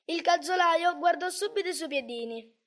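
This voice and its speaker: A woman reads a Christmas storybook aloud. Her voice is high and light, and she narrates calmly with measured phrasing. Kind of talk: storybook reading.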